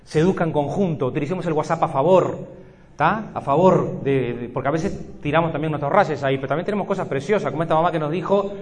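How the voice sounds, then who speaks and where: Male psychologist, 50s, animated storyteller talking to parents, slightly raised pitch. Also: quick pace. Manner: lively storytelling, acting out dialogues. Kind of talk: talk to an audience of parents.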